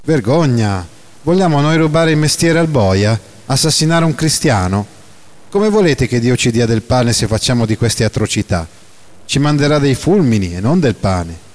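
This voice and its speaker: A man's voice: medium pitch, expressive, moderate pace, darkish tone, close to an everyday voice. A man voicing an indignant young male peasant who pleads with a crowd in a raised voice.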